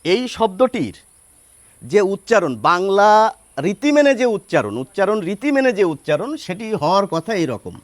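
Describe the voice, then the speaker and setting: A man giving a spoken lesson on pronunciation, spelling words out slowly step by step and asking rhetorical questions. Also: sits high, sing-song, dry recording. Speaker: Bengali pronunciation teacher.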